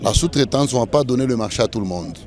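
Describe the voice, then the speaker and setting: Earnest attendee. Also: male voice, mid-range voice, animated, quick pace, darkish tone. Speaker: conference attendee. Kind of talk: interview.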